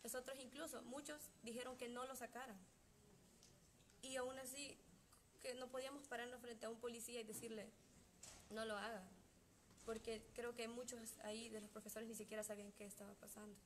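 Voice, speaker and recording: A woman's voice: a little high, flat delivery, a little hiss or hum. Indignant young Salvadoran woman. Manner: indignant and heartfelt, with pauses and fillers. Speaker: youth band member making a statement. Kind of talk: earnest public statement.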